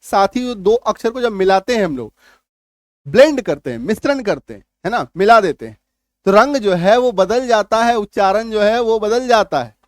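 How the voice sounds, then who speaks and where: A man teaching English reading in a spoken lesson, drilling letter combinations and asking quick checking questions. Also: expressive, dry recording, clean studio sound. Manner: fast sales pitch for his course.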